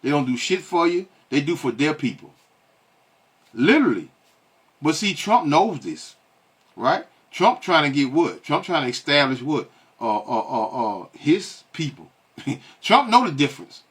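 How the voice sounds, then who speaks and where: A man with a somewhat high, breathy-husky voice delivers a blunt commentary on clips he plays. He scolds his audience and keeps asking rhetorical questions and answering them himself. He stalls on fillers before pressing on. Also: very animated, unhurried. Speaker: online religious commentator. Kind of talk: ranting commentary on video clips.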